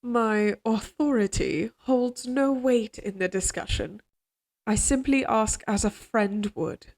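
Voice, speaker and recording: A woman voice actor performs a slow, dramatic audio roleplay monologue as a regal, possessive evil queen, tender yet coldly controlling. Her voice is a little high with a darkish tone, and she sounds tender and reassuring. Her diction is formal, measured and courtly.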